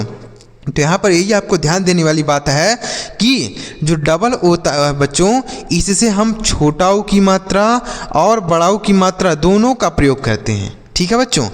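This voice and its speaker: Man, English teacher, high-pitched voice, slow deliberate spelling, frequent questions to students, reverberant room. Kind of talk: classroom-style video lesson.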